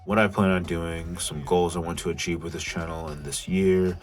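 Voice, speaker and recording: A young man with a deep, nasal voice reads his own vlog script in a casual, self-mocking way. He now and then bursts into loud rants, with soft music playing underneath. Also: level tone, normal speed. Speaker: YouTube channel host.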